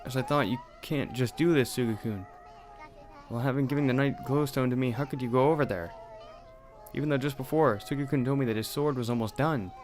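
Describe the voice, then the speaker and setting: Reading a horror game's text out loud with commentary, this young let's-play host adds a bit of drama and swears in his asides. He speaks fairly quickly at a medium pitch, with a slightly mellow tone.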